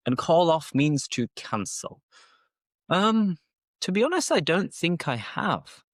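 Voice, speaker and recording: On his English-learning podcast, a British teacher and host talks casually without a script, unpacking phrases as they come up. He has a higher-pitched voice, captured in clean studio sound with no room ambience.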